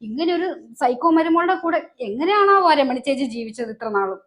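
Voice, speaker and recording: Gossipy neighbour woman with a high voice who tells every tale dramatically, played by a woman. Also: expressive, a little fast, a bit bright. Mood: gossiping. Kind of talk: short-film family drama acting.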